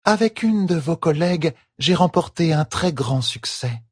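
A man's voice: a little high, expressive, measured pace, slightly rough, no echo, clean studio sound, pitched above the performer's own voice. A man voicing an imperious young noblewoman in an audiobook, giving clipped, haughty orders. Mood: commanding. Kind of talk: audiobook character voice.

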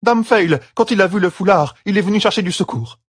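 A man reading an audiobook and voicing a gruff elder who scolds a boy with a thick rural accent. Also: sits high, brisk, dry recording, clean studio sound, voice pushed up. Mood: scolding.

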